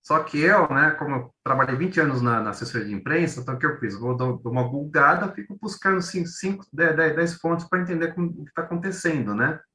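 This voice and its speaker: A Brazilian co-presenter and journalist from São Paulo speaks fast and animated with few pauses, his slightly high voice sharp in tone. Giving a conversational academic talk, he repeats his words and acts out everyday examples, picked up on a distant mic in a roomy, echoing space.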